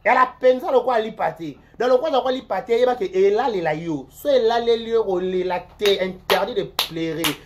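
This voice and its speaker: In a mid-range voice, a Congolese-accented online host rattles through rambling, animated gossip at a fairly quick pace with hardly any pauses, repeating words and swinging between loud outbursts and mutters. There's a little hiss or hum in the recording.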